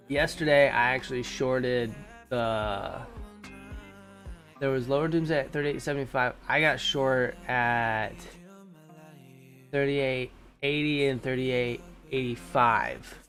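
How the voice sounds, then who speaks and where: A young man on a live stream talks in a mid-range voice with a sharp tone. His chatter is loose and slangy, and allergies make him sound blocked-up and nasal.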